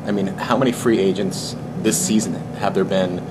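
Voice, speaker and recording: A man's voice: deep voice, normal speed. Rambling eager man in a humming room. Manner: rambling, many restarts, enthusiastic. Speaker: interviewer, video host. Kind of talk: casual interview chat. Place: small locker room, indoors. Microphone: camera phone at arm's length. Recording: noisy room with steady hum.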